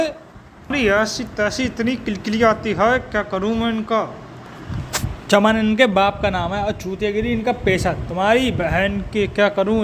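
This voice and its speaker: High-voiced man ranting profanely. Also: noisy background. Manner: abusive, mocking rant with frequent swearing. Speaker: comedic roaster. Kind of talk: profane comedic rant.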